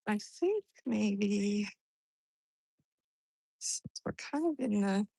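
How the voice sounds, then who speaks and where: A woman greets and answers her livestream viewers during a walk outdoors in the heat, chatting casually and thinking out loud as she exercises. Her mid-range voice is expressive, dark, and slightly rough with vocal fry, and she talks extremely slowly over a dry recording.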